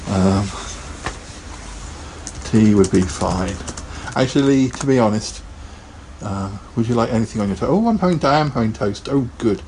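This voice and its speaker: A man's voice: on the low side, expressive, normal speed, a little mellow, slight background noise. A man hosting a casual live podcast, chatting in a rambling way and laughing often. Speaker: podcast host.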